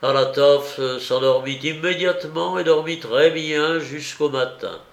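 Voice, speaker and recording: A male audiobook reader narrating a classic novella in a measured, grave manner. His voice is gravelly and his delivery unhurried. The reading sounds roomy, with a noticeable echo. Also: a little high. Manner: slow, measured, grave storytelling. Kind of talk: scripted literary narration.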